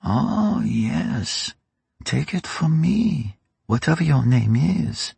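A man voicing a raspy old crime matriarch. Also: mid-range voice, big pitch swings, slow pace, a little mellow, dry recording, pitched above the performer's own voice, full character voice. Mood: probing. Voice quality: dry and raspy. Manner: mocking, sly, bargaining. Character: old female crime boss, dry, sly, ruthless. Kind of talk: audiobook character reading.

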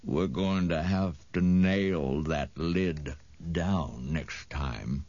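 A male reader voicing an oily, menacing old woman who coaxes in a slow, low, sinister drawl. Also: darkish tone, no echo, heavily acted. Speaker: audiobook reader. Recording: dull, dry studio read.

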